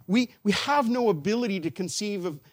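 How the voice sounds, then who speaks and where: A man preaching a sermon, building emphatic rhetorical questions that swell louder and drop soft. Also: sits high, lively intonation, fairly quick. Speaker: pastor.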